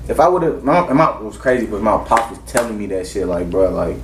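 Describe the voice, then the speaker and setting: A man's voice: fairly low pitch, a little fast. A man in his twenties from the United States in casual, slangy, profane group conversation. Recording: roomy, distant from mic, faint noise.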